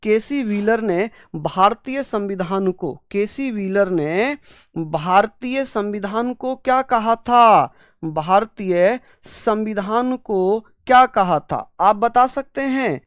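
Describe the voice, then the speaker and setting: A male teacher lectures an exam-prep class at an unhurried, deliberate pace. He drills each point again and again, puts his students' questions into words himself, and calls them by fond names. The sound is close and dry. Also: high-pitched, no room sound. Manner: repetitive drilling, voices students' questions, fond terms of address.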